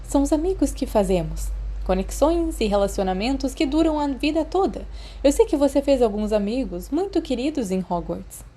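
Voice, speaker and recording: A woman's voice: high voice, very animated, dark tone, pitched above the performer's own voice. A Brazilian woman voicing a formal, tactful elderly female professor in an audiobook story. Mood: gentle, tactful. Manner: formal, measured.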